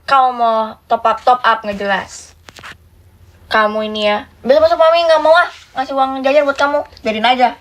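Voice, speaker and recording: A woman's voice: high-pitched, moderate pace, natural voice. Woman doing a sarcastic scolding mom. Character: stern nagging mother scolding her child.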